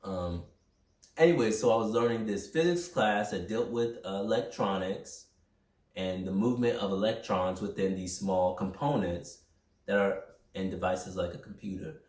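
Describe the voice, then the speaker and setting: A young man hosting a podcast, talking through a personal motivational monologue in an energetic, rambling, self-reflective way. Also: lowish voice, moderate pace. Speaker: podcast host. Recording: roomy echo, mic at a distance.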